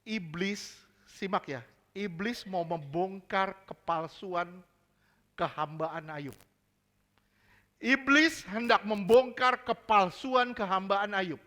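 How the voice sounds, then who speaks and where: A man's voice: high-pitched, slow, pushed and bright. A male pastor preaching a sermon in a church service. He is emphatic, mixes casual slang into his preaching and quizzes the congregation with repeated questions.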